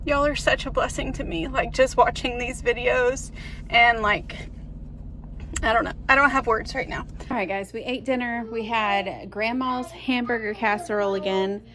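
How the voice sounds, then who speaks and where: Mom talking to her phone cam, kinda high voice, rambly and chatty, lots of noise behind. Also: steady tone, normal speed, a bit bright. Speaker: vlogger, mother of six. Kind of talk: casual vlog chat. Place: in a car, then at home.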